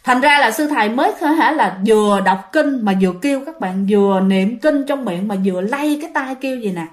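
A woman's voice: on the high side, expressive, fairly quick. A woman with a Southern Vietnamese accent, casually retelling a ghost story and chatting directly to her listeners.

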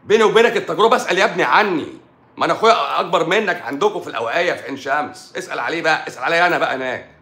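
A man's voice: a little high, rapid-fire, vocal fry, bright, forceful tone, roomy sound. A middle-aged man with an Egyptian Arabic accent, a doctor on a live stream, ranting combatively and firing sarcastic rhetorical questions. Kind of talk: heated live-stream rant.

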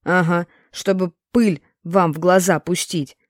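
A stubborn young boy pleads and sulks, earnest and defensive, as a woman reads him aloud. His voice sits a little higher than the narrator's usual dark, mellow tone. The sound is close and dry. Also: brisk, no room sound, close to an everyday voice. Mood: sulky.

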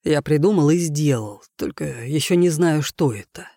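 A man's voice: fairly high pitch, lively intonation, normal speed, creaky, warm tone, dry recording, studio quality. A man reading an audiobook voices an earnest, thoughtful young man who explains things carefully.

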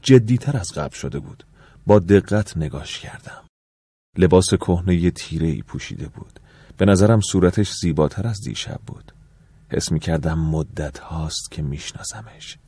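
A man narrating an audiobook in the first person, calm and measured, at times dropping to a soft whisper. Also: low-pitched, breathy edge, no room sound.

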